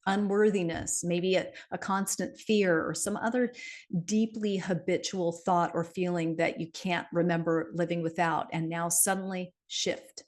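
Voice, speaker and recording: A woman's voice: on the low side, fairly even intonation, unhurried. A middle-aged woman giving a casual monthly numerology forecast, chatty, with many fillers and tag questions. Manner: chatty, frequent "right?" and fillers, light laughs.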